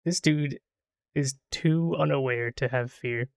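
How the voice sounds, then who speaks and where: A male streamer chats casually and playfully while gaming, drifting through half-finished thoughts and teasing his friend. His voice sits at an ordinary pitch and is recorded close on a dry desk mic with no room sound. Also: takes it slowly, creaky, no echo.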